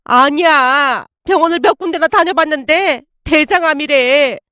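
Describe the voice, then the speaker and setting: A grief-stricken middle-aged woman pours out her news in a high, wavering voice, stretching every word through her sobs. The sound is close and dry, with no room around it, as a woman storyteller does her voice. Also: pushed and bright, dry recording. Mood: tearful. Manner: sobbing, drawn-out pleading. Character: tearful middle-aged woman, mother's friend.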